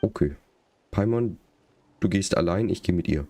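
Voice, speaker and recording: A German-speaking game livestreamer gives casual live commentary, chatting with viewers and reading game text aloud. His low voice is mellow and moves at normal speed.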